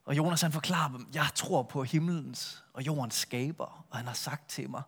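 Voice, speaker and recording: A middle-aged man preaching a sermon, retelling a Bible story with lively shifts between a full voice and a soft hush. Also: a little high, breathy edge. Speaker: pastor.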